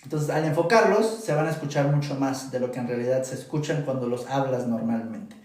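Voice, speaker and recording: A man's voice: mid-range voice, a little fast, a little mellow. A man teaching English pronunciation in a live stream, patient and repeating "ok?" to check in. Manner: patient, repeats "¿ok?" often, exaggerates sounds to demonstrate. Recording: very echoey room, voice a bit far from the mic.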